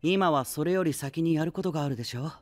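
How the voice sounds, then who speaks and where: In an anime-style voice drama, an actor plays a calm, clever young male knight who is cool, confident and lightly mocking as he explains. His natural voice is fairly high and fast, with no room sound.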